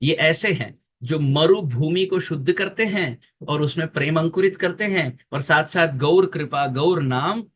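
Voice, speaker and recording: A man preaching a devotional sermon in a fairly high voice. He explains with earnest, emphatic repetition and slows into drawn-out chanting when he recites verses. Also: a bit bright, dull audio.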